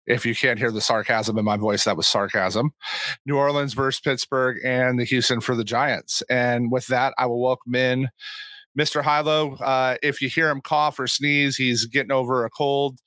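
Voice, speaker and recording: Guy hosting a casual sports podcast, bright punchy voice, very dry close sound. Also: mid-range voice, steady tone, normal speed, no echo. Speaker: podcast host.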